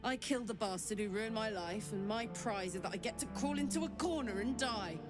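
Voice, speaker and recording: A woman's voice: mid-range voice, fairly quick, natural voice. An actress playing a fierce, bitter woman warrior in a video game, talking in a raw voice and swearing. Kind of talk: game dialogue. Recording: game audio with music behind.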